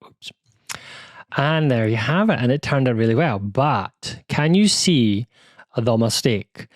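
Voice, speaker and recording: Man, British accent, casual chat, self-deprecating, middle pitch, dry room. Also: expressive, slow, no room sound. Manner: chatty and self-deprecating, with many asides and restarts. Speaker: quilting channel host. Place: home sewing room.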